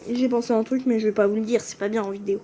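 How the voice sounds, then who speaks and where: A woman's voice: on the high side, fairly even intonation, very fast, warm tone, a little hiss or hum. A woman giving casual commentary on a game video, hesitant and often stumbling over and correcting names. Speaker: gaming video creator. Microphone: phone screen recording.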